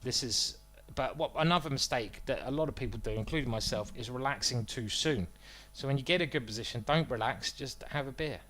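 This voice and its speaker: A chess streamer narrates his own game, thinking out loud about moves and teasing himself. He speaks at medium pitch, fairly quickly and with hardly any pauses, his voice a bit bright.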